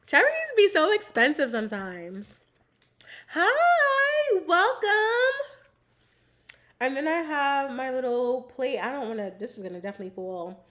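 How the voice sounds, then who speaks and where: A bubbly young woman hosting a live stream, chatting casually with her viewers, giggling often, saying "like" a lot, and talking while she snacks. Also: a little high. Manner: bubbly and giggly, fills speech with "like". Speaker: livestream host.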